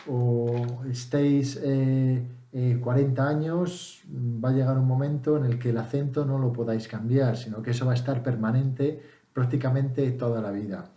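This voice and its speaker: A man from Spain explains things to his viewers in a relaxed, unhurried way, pausing on fillers and rephrasing as he goes. His voice sounds soft and mellow. The sound bounces around a room with a noticeable echo. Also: mid-range voice, highs cut off. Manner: relaxed, thinking aloud with many fillers and restarts. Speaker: English teacher. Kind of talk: casual spoken lesson.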